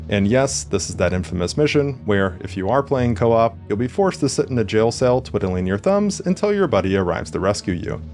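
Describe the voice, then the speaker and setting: A man's voice: mid-range voice, darkish tone. A man giving a wry, conversational scripted narration as a video game reviewer. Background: background music.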